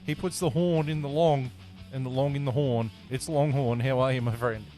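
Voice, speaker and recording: A man's voice: medium pitch, steady tone, moderate pace, dark tone, faint music behind. A man hosting a casual podcast, joking and laughing often with his co-hosts. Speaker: podcast host. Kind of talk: casual banter.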